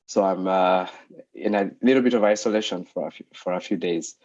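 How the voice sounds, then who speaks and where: A man's voice: sits low, fairly quick, a little mellow. A man from Uganda giving an online talk as a doctor and lecturer, speaking hesitantly with many fillers over a video call. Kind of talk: online presentation. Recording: muffled video call audio.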